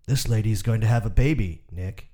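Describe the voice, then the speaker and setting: A man voices a calm country doctor and father in an audiobook story. He explains things patiently and plainly. His voice is deep, dark and mellow. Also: fairly quick, natural voice. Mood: explaining. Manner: patient, explaining, matter-of-fact.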